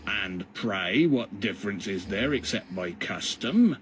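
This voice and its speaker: A man's voice: lowish voice, expressive, a little hiss or hum. Male reader doing a pompous, patronizing jailer, drawn out and cold. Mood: sneering. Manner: slow, sneering, lecturing.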